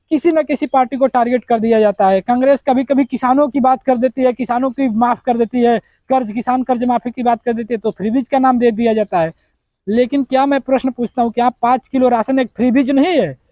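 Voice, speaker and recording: Combative high-voiced male commentator. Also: warm tone, no room sound. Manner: combative, fires rhetorical questions. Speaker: political commentator. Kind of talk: heated rebuttal commentary addressed to viewers.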